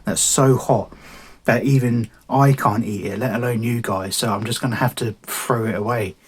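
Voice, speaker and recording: A man voicing a comedic male Jesus who shows off and then burns his mouth, in a raised husky voice. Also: medium pitch, fairly even intonation, moderate pace, natural voice. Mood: matter-of-fact. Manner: boastful, then yelping in pain.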